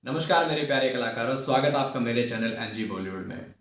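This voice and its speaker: A man teaching acting who talks slowly and emphatically and repeats his key words. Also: medium pitch, expressive, fairly bright tone. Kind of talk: acting lesson talk. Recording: echoey room, far from mic.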